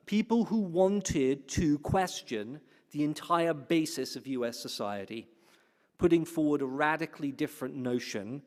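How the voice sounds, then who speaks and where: A man giving a lecture-style address to a gathered audience, animated and playful, putting questions to the listeners. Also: medium pitch. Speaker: platform speaker. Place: hall with an audience. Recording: long hall reverb.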